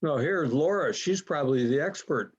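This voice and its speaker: A man's voice: on the high side, expressive, normal speed, breathy edge. Easygoing man on a muffled video call. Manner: easygoing, hesitant with fillers. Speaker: program moderator. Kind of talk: casual chat on a video call. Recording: dull lo-fi video call audio.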